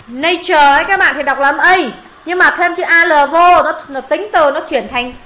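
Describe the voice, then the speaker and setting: Bright-voiced Vietnamese woman teaching English. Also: sits high, normal speed, poor audio. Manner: repeats words for students, thinks aloud when unsure. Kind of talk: pronunciation lesson, explaining and modelling words.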